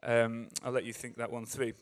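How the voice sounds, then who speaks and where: This is an English man preaching a sermon, chatty with the crowd, joking on the side, and acting out voices as he goes, especially optimists with growing energy. He has a mid-range voice and speaks flatly at normal speed.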